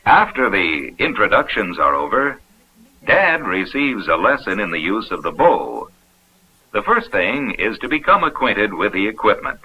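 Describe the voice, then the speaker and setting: An American man with a lowish voice reads scripted narration for a 1970s instructional film, sounding folksy, upbeat, and explanatory. He's very animated but unhurried. The audio is a dull, noisy vintage 16mm soundtrack.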